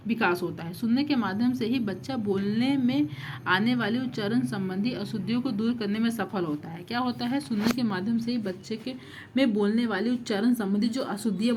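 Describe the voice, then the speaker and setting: A woman's voice: on the high side, darkish tone, slight background noise. A woman teacher giving an exam-prep lecture, repeating points and asking rhetorical questions. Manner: repetitive, rhetorical questions, frequent 'thik hai'.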